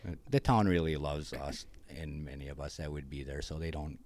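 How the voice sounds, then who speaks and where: A man with an Upper Peninsula Michigan accent, talking in a relaxed, rambling way as an interview guest, with lots of restarts. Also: very deep voice, brisk. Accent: Upper Peninsula Michigan (Yooper). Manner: rambling, enthusiastic, many restarts. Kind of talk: casual conversation.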